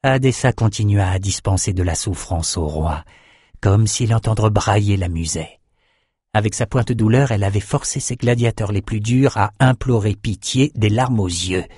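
A man reads a fantasy audiobook in a steady, measured way. His voice sits low, with a dry, close sound and no room around it. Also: breathy edge, dry recording. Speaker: audiobook narrator. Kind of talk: scripted fantasy narration.

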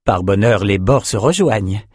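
A man's voice: fairly low pitch, expressive, normal speed, a little mellow, no echo, clean studio sound. A man narrating a story voices an unshakably optimistic woman traveler, encouraging and upbeat.

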